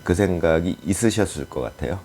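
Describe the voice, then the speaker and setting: A man giving a casual political commentary monologue, speculating aloud and pausing often with hesitant fillers. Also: low-pitched, animated, darkish tone, a little hiss or hum.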